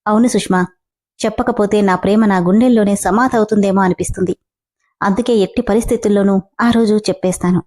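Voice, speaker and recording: A woman's voice: medium pitch, steady tone, fairly quick, darkish tone, natural voice. A woman reading the lines of a young woman determined to confess her love. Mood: earnest. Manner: earnest, determined.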